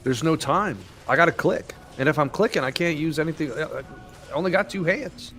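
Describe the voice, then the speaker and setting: A man's voice: fairly high pitch, brisk, fairly bright tone. A young man hosting a casual gaming stream chat, laid-back and swearing freely, with lots of "dude" and "bro". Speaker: podcast host and streamer.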